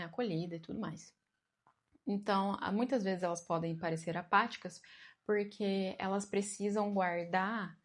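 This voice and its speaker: Gentle woman explaining unhurriedly. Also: on the low side. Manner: gentle, unhurried, with frequent "né?" tags. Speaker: spiritual channel host. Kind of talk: casual explanatory monologue to viewers.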